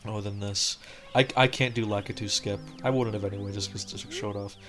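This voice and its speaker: A man's voice: on the low side, fairly even intonation, brisk. A man giving casual, rambling commentary while he plays a game, full of "like" and restarts. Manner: rambling, fills talk with "like", frequent restarts. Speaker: game streamer. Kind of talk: casual let's-play commentary. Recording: game music playing behind.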